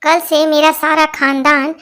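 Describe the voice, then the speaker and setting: Short jokes are read aloud one after another by a woman whose high voice moves a little slowly. The narration is scripted, and she gives each part the same even delivery.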